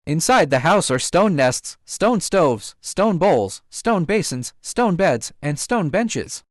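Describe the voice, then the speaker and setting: A man's voice: on the high side, big pitch swings, slow pace, no echo, studio quality. A man voicing a bold, joyful young male stone monkey who leads the others proudly, in a storybook reading. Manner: exclaims in repeated short cries.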